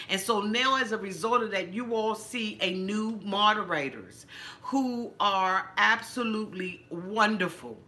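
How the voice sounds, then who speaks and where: A woman talks straight to her viewers in a casual livestream monologue while she decorates a tree. Her voice is bright and forceful, with a middling pitch. She leans on repetition and casual cursing to drive each point home. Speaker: YouTube channel host.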